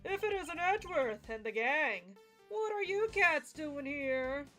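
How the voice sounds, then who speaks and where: A woman's voice: high-pitched, lively intonation, unhurried, fairly bright tone, soft background music, voice pushed up. A woman voicing a breezy, roguish male attorney for a video game, with theatrical drawling old-time slang. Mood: jaunty, teasing.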